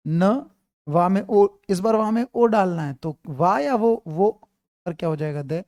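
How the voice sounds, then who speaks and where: Man, teacher, online class, mellow tone, dry close sound, quizzing and repeating. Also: sits high, lively intonation, measured pace, dry recording. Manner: quizzes students, repeats questions. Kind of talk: online Hindi grammar class.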